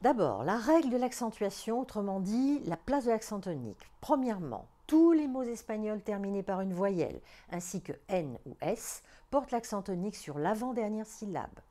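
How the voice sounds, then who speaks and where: Lively-voiced woman teaching grammar. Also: medium pitch. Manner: clear, deliberate, stresses each example word. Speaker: Spanish teacher. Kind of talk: recorded grammar lesson.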